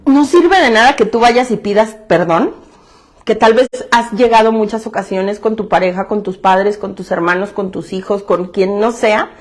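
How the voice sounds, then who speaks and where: Speaking with a Mexican Spanish accent, a woman gives a frank testimony to a self-help group, blunt and forceful, cursing freely and repeating phrases to drive her points home. Her voice is a little high.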